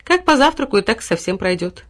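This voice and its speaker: A woman's voice: mid-range voice, very animated, a little fast, close to an everyday voice. A woman reading a fairy tale aloud, voicing a tired, anxious mother who speaks in a weary, worried way.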